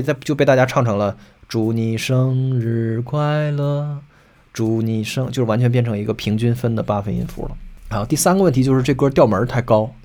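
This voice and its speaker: A man's voice: mid-range voice, darkish tone. Man explaining music on a podcast. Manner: explains music at length, sings short snatches of song. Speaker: podcast host.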